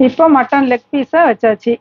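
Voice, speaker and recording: A woman hosting a home cooking channel, calmly walking through each step and ingredient. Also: high voice, moderate pace, lo-fi sound. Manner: calm, instructive, listing ingredients steadily. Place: home kitchen.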